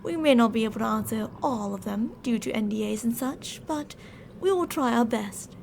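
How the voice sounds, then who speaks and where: Acted by a woman, this high, heavily creaky female voice belongs to a mad scientist captor in an ASMR roleplay audio drama, syrupy and courteous but with a stern, controlling edge. Clear noise sits behind her as she speaks animatedly at a moderate pace, a little mellow. Her sugary politeness turns stern and commanding, sweetly menacing in mood.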